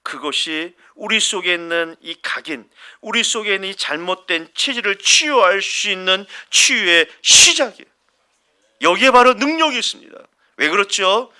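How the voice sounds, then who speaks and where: Lively high-voiced preaching man. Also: normal speed. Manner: animated preaching with rhetorical questions to the congregation; acts out everyday quarrels with a chuckle. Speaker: pastor. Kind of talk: sermon. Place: church service.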